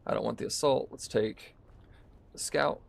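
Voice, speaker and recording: A man's voice: mid-range voice, normal speed, gravelly, a little hiss or hum. A male streamer giving casual commentary as he plays, talking through each move and chatting with viewers. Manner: relaxed, talks through each move while playing.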